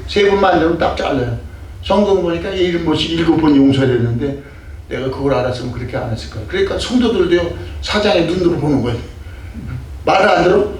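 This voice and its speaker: A man's voice: fairly high pitch, expressive, quick pace, a little mellow. An older man preaching a sermon as a pastor, emphatic and full of rhetorical questions, sometimes acting out scolding. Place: church sanctuary. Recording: echoey distant church mic with faint noise.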